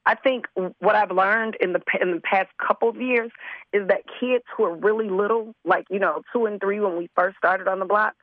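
A hoarse woman who is under the weather, speaking as a community organizer in an earnest, repetitive casual interview manner. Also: mid-range voice, fairly even intonation, moderate pace, dry recording, narrow, tinny audio. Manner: earnest, repeats words as she talks.

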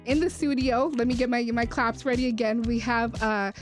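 A woman with a fairly high voice hosts a radio interview in a casual, chatty style. She speaks in a studio with music faintly underneath. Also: steady tone, moderate pace. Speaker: radio host.

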